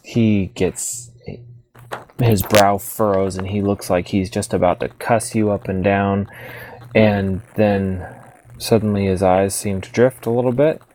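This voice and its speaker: A man's voice: on the low side, steady tone, unhurried, darkish tone, a little hiss or hum, low-quality recording. A man running a tabletop game, narrating casually with many fillers. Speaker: game master.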